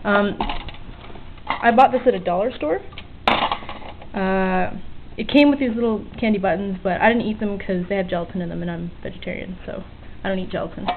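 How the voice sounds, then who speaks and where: A woman with a mid-range voice talks fairly quickly while showing her electronics project as a hobbyist vlogger, informal, self-deprecating and somewhat sweary in an unscripted show-and-tell. The recording comes from a handheld camera's built-in mic, tinny and band-limited with hiss. Faint outdoor weather ambience comes from the open window by her small home work area.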